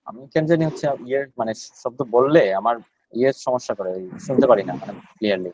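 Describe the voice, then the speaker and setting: In a live online GRE vocabulary class, a man explains each word in Bengali sprinkled with English terms, repeating the words as he goes. His medium-pitched voice is a little mellow, with lively intonation and a quick pace. The recording is rough, with slight background noise.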